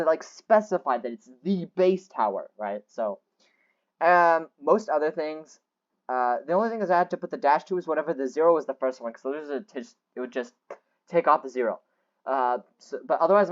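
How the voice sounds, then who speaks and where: A man's voice: mid-range voice, highs cut off. A young man casually walking through his spreadsheet of game test results, rambling with many fillers and restarts. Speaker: game video creator. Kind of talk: casual screen-share walkthrough.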